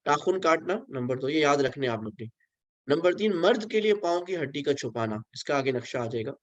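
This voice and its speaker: A man's voice: a little high, expressive, fairly quick, dry recording, muffled recording. A man giving an online pilgrimage training lesson, explaining step by step and slipping English phrases into his talk. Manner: explains patiently, asks listeners to repeat, mixes in English phrases. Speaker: religious instructor. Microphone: video call.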